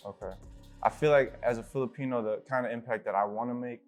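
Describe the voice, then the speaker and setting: A young man from Illinois, a rapper guest in a casual interview, slightly out of breath and relaxed, with many fillers. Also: medium pitch, quick pace, faint music behind. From Illinois, USA.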